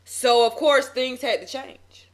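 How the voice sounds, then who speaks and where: A woman's voice: high-pitched, fairly even intonation, slow pace. Woman host, casual faith talk, call-and-response interjections.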